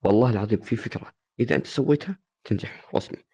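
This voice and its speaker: A man's voice: medium pitch, racing, gravelly, a little mellow, slightly rough. A man, hosting a casual, joking tutorial and teasing his viewers. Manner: teasing, playfully insulting. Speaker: gaming channel host.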